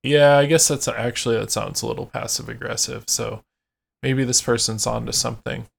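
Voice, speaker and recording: A man's voice: mid-range voice, fairly even intonation, moderate pace, gravelly. A man hosting a podcast in casual chat, reading out phrases and explaining them with lots of fillers. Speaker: podcast host.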